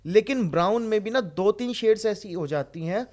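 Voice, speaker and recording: A man's voice: sits high, animated, moderate pace, a little mellow. A man, a Vastu consultant, giving instructive explanations in an interview and often checking in with his listener. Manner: instructive, checks in with "right?" and "isn't it?".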